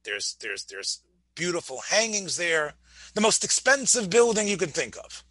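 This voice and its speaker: A man's voice: high voice, very animated, normal speed, bright, forceful tone, no echo. A man teaching a Torah class, often restarting words, asking his listeners questions and mixing Hebrew phrases into his English. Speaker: rabbi lecturer.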